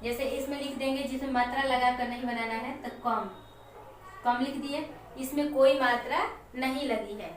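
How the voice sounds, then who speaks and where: A woman teacher explaining a Hindi lesson to children slowly and step by step, with example words. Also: high-pitched, fairly even intonation. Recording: echoey room, mic far off, faint noise.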